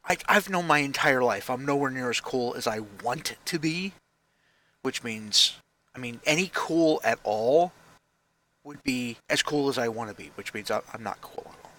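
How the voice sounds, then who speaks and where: In a basement room at home, a vlogger in his forties chats casually into a headset mic, his medium-pitched voice bright and forward. His self-deprecating vlog talk rambles and restarts often, carrying a wry, weary honesty.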